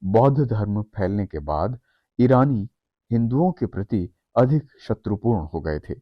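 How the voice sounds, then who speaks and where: A man with a low voice narrates a scripted history explainer at a measured, steady pace. The voice-over is dry and close, with no room sound. The sound is a little dull and muffled. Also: no room sound. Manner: measured, steady read-aloud delivery.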